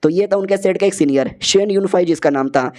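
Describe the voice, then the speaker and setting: A man's voice: high voice, fairly quick, a little mellow. A man narrating a story recap in a chatty, slangy way.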